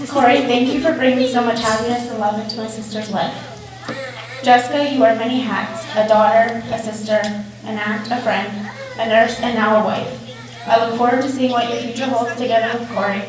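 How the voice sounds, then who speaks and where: A woman's voice: on the high side, steady tone, fairly quick, a crowd in the background. A young woman giving a sincere, affectionate prepared wedding toast, as the sister of the bride. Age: young adult. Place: large echoey indoor reception room, mic far away. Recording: very echoey, distant, noisy event hall.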